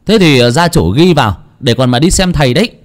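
A man voicing a villager who calls out the time loudly and briskly. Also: medium pitch, lively intonation, pitched above the performer's own voice, lightly acted. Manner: loud, brisk announcing.

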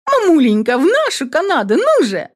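Female reader doing a bubbly, coaxing teen girl for an audiobook, lively and high. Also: moderate pace. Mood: excited. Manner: gushing, coaxing, uses pet names. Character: bubbly teenage girl nearly eighteen, excitable, affectionate.

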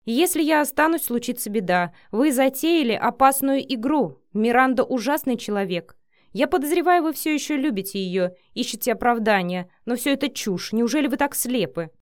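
A woman's voice: a little high, expressive, normal speed, no room sound, voice pushed up, close to an everyday voice. A defiant young woman, voiced by a woman narrator. She speaks with pointed indignation, hurt underneath. The audiobook recording is close and dry. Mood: earnest.

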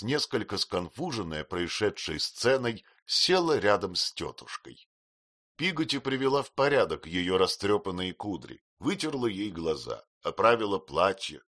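A man's voice: low-pitched, a bit bright, no room sound, clean studio sound. A man narrating a classic novel as an audiobook, telling the story expressively. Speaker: audiobook reader. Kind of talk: scripted narration.

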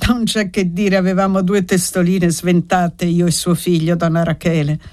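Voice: medium pitch, level tone, normal speed, a little mellow, close to an everyday voice. A reader voicing a jovial, carefree guest who tells boastful stories of his youth in an audiobook. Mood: reminiscing. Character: jovial poor guest, carefree old friend. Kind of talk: audiobook reading.

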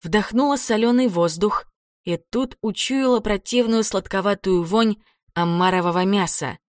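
Woman narrator, audiobook, expressive, mid pitch, dry close recording. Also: normal speed, dry recording. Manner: dramatic, expressive.

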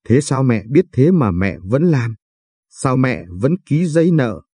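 A man voicing a young woman just out of high school who bitterly reproaches her mother. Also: sing-song, a little slow, warm tone, breathy edge, dry recording, studio quality.

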